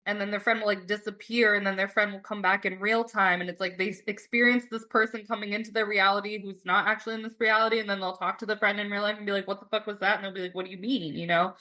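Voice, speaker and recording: A woman's voice: mid-range voice, fairly even intonation, fast talker, few pauses, sharp tone. A young woman hosting a podcast, chatting and telling stories in a rambling way, full of "like" and casual swearing. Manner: rambling, lots of "like", swears freely. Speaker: podcast host. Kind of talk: casual chat and storytelling.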